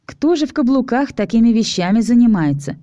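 A jealous young woman with a sharp tongue, as a female reader puts her on snipes and flares up loudly. The voice is mellow and a little low, recorded dry and close. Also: animated, a little slow, no echo. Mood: snide. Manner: snide, shouting in anger.

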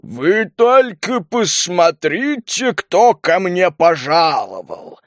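A man voicing a huge, gruff old male kobold smith who talks in a slow growling rumble. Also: big pitch swings, no room sound, clean studio sound, full character voice. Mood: growling scornful. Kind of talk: audiobook character reading.

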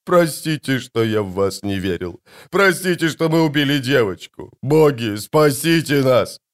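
A man's voice: medium pitch, expressive, measured pace, voice pushed up, close to an everyday voice. A man voicing a terrified merchant who sobs and pleads in prayer. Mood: pleading. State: sobbing. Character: terrified male merchant, sobbing and praying.

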